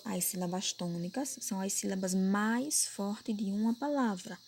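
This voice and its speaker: A woman's voice: medium pitch, fairly even intonation, a little slow, gravelly, darkish tone, slight background noise. A woman with a Brazilian Portuguese accent teaching a recorded grammar lesson, patiently repeating points and checking that her pupils follow. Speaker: primary school teacher.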